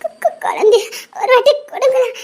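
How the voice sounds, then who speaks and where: A woman's voice: extremely high pitch, expressive, normal speed, darkish tone. A woman playing an emotional, pleading young village wife in a melodramatic drama, speaking with a Tirunelveli Tamil accent.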